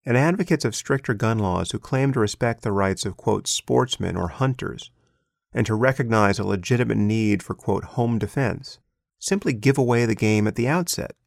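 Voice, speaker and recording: A man reading an essay aloud in a measured, deliberate way, stepping out now and then for brief spoken asides. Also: on the low side, expressive, creaky, no echo, studio quality. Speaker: essay reader and commentator.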